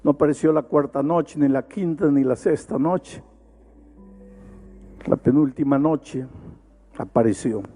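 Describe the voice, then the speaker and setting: Male pastor, fervent sermon, repeats for emphasis, mellow higher voice, faint music behind. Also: a little slow, long pauses, slightly rough. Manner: impassioned preaching with emphatic repetition. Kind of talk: evangelistic sermon. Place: large arena.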